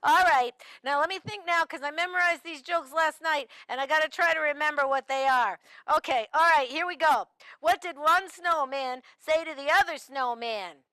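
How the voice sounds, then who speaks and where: A woman's voice: high voice, moderate pace, sharp tone, no room sound. A woman voicing Freddie, an eager, chatty, childlike sidekick who tells jokes.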